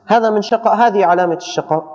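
A man giving a colloquial religious lesson, animated, often stumbling and repeating words for emphasis. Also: high voice, rapid-fire. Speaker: religious teacher. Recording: dull audio with long hall reverb.

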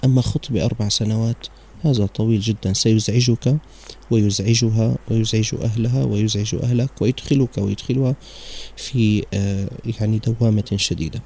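Fast-talking gravelly man hosting radio advice. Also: lowish voice. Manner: calm advising, mixes formal and colloquial Arabic. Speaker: radio show host taking calls.

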